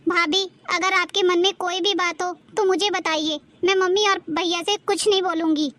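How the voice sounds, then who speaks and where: Young woman as a talkative married daughter, very high pitch, bright, family skit. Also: fairly even intonation, normal speed, no room sound. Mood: gentle. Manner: complaining, talkative. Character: married daughter visiting her mother.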